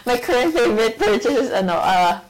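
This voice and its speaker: Filipina woman chatting, slightly high voice. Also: lively intonation, quick pace, crowd noise, rough recording. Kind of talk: casual chat.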